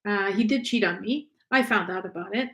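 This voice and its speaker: Talking a little fast in a mid-range voice, this French-native podcast host shares her own experiences openly and conversationally. She often uses fillers and restarts sentences as she tells her personal stories.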